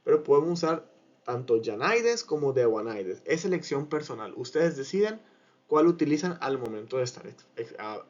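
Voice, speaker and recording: A man teaching a language lesson in Spanish, patiently explaining grammar and repeating example sentences slowly. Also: fairly high pitch. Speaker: Japanese teacher. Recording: muffled lo-fi sound.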